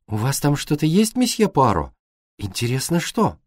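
A squealing, teasing young girl in a storybook, her voice jumping high and bright, as a male reader puts her on. She chants and exclaims with quick, lively swings in pitch. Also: no echo, clean studio sound. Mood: curious. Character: excitable young English girl at Christmas dinner.

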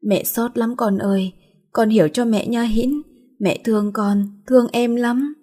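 A woman's voice: a little high, steady tone, measured pace, dark tone. A woman voicing a terrified, guilty middle-aged mother who begs through tears and stammers. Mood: tearful pleading. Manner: stammering, crying, begging.

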